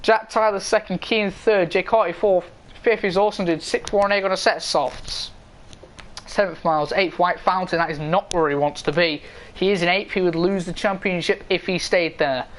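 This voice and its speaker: A man's voice: sits high, fairly even intonation, moderate pace, fairly bright tone, slight background noise. A man commentating a sim racing league race live, chatty, with fillers and asides to the viewers in chat.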